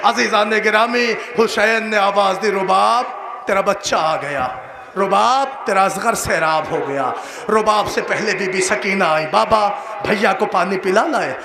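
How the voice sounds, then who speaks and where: A man's voice: high-pitched, vocal fry. A man with an Indian Urdu accent, a cleric giving an impassioned mourning sermon that rises into a chanted lament at an outdoor gathering. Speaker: Shia cleric giving a majlis address. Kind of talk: mourning sermon rising to sung wailing. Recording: echoey live PA with crowd noise. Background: crowd of mourners.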